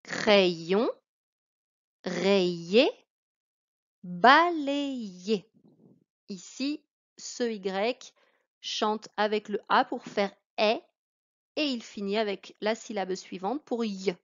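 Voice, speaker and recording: Woman, French accent, teacher, very slow and careful, mid pitch, dull lo-fi sound. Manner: slow, careful, addressing a child. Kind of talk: reading lesson for children. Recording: dull lo-fi recording.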